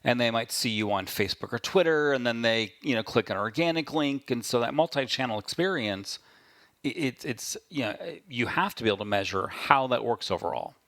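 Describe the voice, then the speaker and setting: A man talking shop as a podcast guest, wry and quick, often checking in with "right?". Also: mid-range voice, animated, a bit bright, dry recording, studio quality. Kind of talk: casual conversation.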